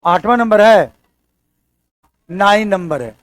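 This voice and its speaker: A man teaching an English lesson, going slowly and repeating key words as he quizzes his students. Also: sits high, animated, fairly bright tone, no echo. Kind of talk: exam-prep language lesson.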